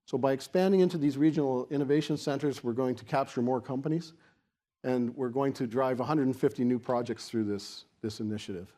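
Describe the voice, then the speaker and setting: Man giving a halting podium speech. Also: mid-range voice, mellow. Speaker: keynote speaker for a technology organisation. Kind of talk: podium speech, semi-extemporaneous presentation.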